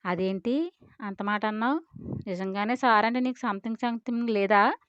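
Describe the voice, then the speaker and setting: A scolding, mocking inner conscience, read by a woman narrator in an audio story. The voice is smooth and even, recorded dry. The sound is slightly dull. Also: medium pitch, measured pace, dry recording, lightly acted.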